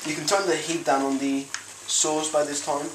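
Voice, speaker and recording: Brief: Spanish-accented man, casual home cooking vlog, giggly and self-correcting, echoey kitchen with loud frying noise. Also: fairly high pitch, flat delivery, normal speed. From Spain. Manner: rambling, giggly, corrects himself. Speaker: home cook presenting a recipe. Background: sizzling pan and stirring.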